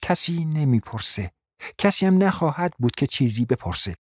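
A man's voice: big pitch swings, dry recording, studio quality. A man playing a domineering scornful woman. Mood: contemptuous. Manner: shrill scolding, sharp commands and insults. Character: domineering scornful middle-aged woman, bossing her husband. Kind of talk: audiobook dramatic reading.

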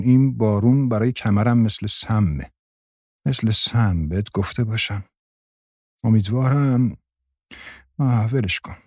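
A man's voice: on the low side, mellow, no room sound, clean studio sound, close to an everyday voice. A man doing a fussy, doting old woman. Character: fussy, heavy, older woman with a sore back, doting.

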